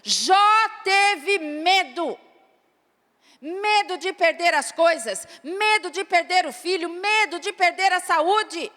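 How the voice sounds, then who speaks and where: A Brazilian woman preaches a sermon in a high, bright voice. She speaks slowly and emphatically and turns often to her listeners. Her words ring out with the long reverb of a church hall. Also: lively intonation. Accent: Brazilian Portuguese. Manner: emphatic, addresses audience as "querida".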